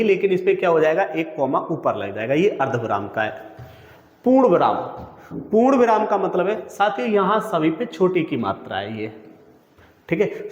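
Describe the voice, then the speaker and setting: A man with a slightly high voice teaches an exam coaching lesson, posing each question and answering it himself while calling his listeners friends and brother. He's recorded in a room with long reverb, and the highs are cut off.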